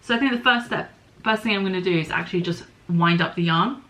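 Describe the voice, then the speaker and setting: Fast, bright and forceful, a middle-aged woman's lowish voice comes through poor audio as she hosts her podcast. She chats casually about knitting and spinning, thinking aloud and stopping to apologise for small slips.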